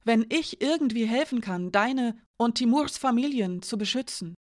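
A woman's voice: on the high side, expressive, normal speed, voice pushed up, natural voice. A woman voicing a tearful, guilt-ridden young woman. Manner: pleading, emotional.

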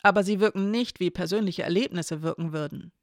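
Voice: medium pitch, fairly quick, no room sound, studio quality, natural voice. A storyteller reading the lines of Elena, a nervous but teasing young woman who speaks hesitantly and then hastily, in a storybook reading. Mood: unsure.

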